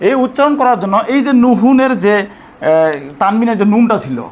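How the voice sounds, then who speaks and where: A man teaching Arabic grammar in a patient, step-by-step way. He repeats his points, keeps checking that listeners follow, and slows down to spell out the Arabic examples syllable by syllable. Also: very high voice. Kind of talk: explanatory lesson.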